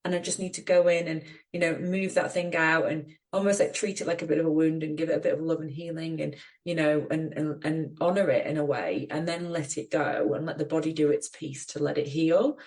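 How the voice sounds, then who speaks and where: A woman's voice: deep voice, steady tone, brisk, few pauses, darkish tone. A middle-aged woman co-hosting a podcast, talking in an earnest, reflective way with many "you know"s. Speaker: podcast co-host. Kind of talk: casual chat.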